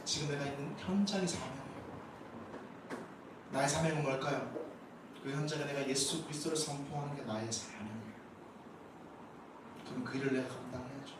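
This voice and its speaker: A man's voice: mid-range voice, brisk, pauses often. A man preaching a Sunday sermon as pastor, emphatic and full of rhetorical questions, in a church sanctuary. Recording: echoey church hall, from far off, faint noise.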